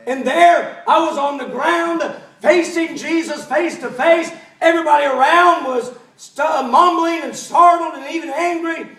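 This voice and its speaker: A high-voiced preacher playing a healed man, bursting with joy, excited testimony, echoey church, distant mic. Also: a little slow, hardly any pauses, full character voice. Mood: joyful. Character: grown man once lame, now overjoyed.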